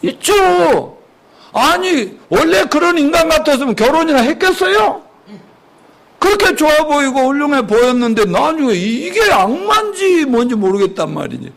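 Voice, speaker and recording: A male pastor giving a lively church sermon, quizzing the congregation and acting out angry outbursts as examples. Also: very high-pitched, moderate pace, vocal fry.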